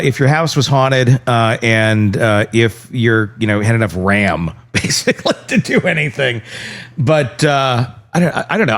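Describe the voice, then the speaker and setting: A male co-host with a lively, bouncing voice chats casually. He rambles, trips over his restarts and breaks into laughter. His pitch swings freely as he talks. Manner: rambling, self-interrupting, laughs often. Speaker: podcast co-host. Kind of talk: casual chat.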